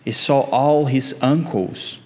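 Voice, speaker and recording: A man preaching a sermon in slow, emphatic phrases, his voice climbing on the key words. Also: mid-range voice, animated, a little mellow. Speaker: pastor.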